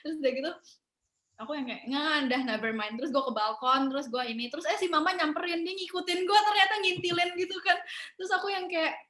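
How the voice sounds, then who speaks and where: A young woman, chatting as an interview guest in a relaxed way, mixing in English phrases and laughing often. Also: high voice, fast, reverberant. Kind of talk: casual interview chat.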